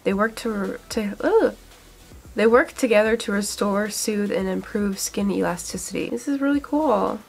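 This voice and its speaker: A young beauty vlogger with a stuffy, cold-congested voice talks through a skincare test in a casual product review, eager and chatty, full of likes and ums. Her mid-range voice has vocal fry and a normal pace, and she sounds close to the camera in a small room.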